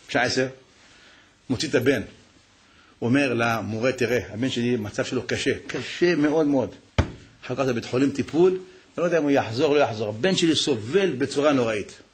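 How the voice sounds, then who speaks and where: A man preaching as a rabbi, telling stories with emotion, swinging between hushed passages and exclaiming ones. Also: medium pitch, breathy edge. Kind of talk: sermon with told stories.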